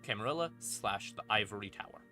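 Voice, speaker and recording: A man with a lowish, animated voice talks fairly quickly, his delivery pushed and bright, as he explains lore on a stream. He's casual, unscripted and irreverent, swearing freely, with ambient background music running under his voice.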